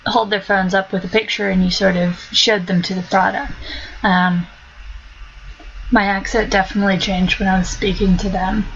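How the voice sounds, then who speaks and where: A vlogger with a mixed American-Australian accent talks casually in a monologue, filling it with ums and restarts. Her medium-pitched voice has a fairly bright tone, but the audio is dull and carries a little hiss or hum.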